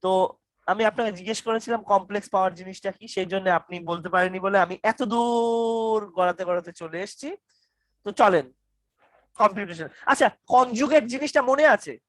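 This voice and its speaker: Over a video call, a young man delivers an online university lecture through his computer microphone, with no echo on the sound. His high-pitched voice is brisk and a bit bright, and he stammers, asks his questions twice, and puts students on the spot with quizzes.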